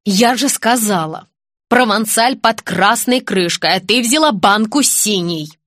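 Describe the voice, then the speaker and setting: A woman's voice: mid-range voice, animated, unhurried, fairly bright tone, dry recording, clean studio sound. A woman reading an audiobook, voicing a stern, scolding mother of a family. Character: stern house-proud mother, wife of the host.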